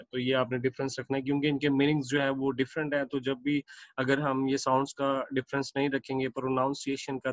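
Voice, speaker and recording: A man teaching Quran reading, explaining Arabic letters with English words mixed in and repeating each letter pair slowly and at length. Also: mid-range voice, a bit bright, no echo, dull audio.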